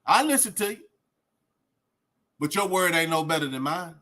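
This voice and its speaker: This Texas man hosts a reaction livestream, sharing his opinions directly with viewers in casual, streetwise slang full of "man" and "bro." His voice sits fairly high, sharp in tone, animated, and moves at a moderate pace.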